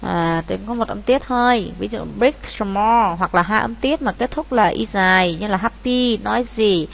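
A woman's voice: mid-range voice, measured pace, vocal fry. A woman from Vietnam teaches a class of students through an exam paper, step by step. She speaks in a mid-range voice and patiently goes back over the key points for them. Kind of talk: exam walkthrough lesson.

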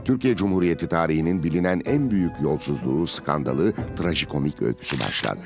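A man's voice: a bass voice, animated, quick pace. A man presenting a TV programme with dramatic scripted narration in theatrical, emphatic, rhetorical phrasing. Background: music.

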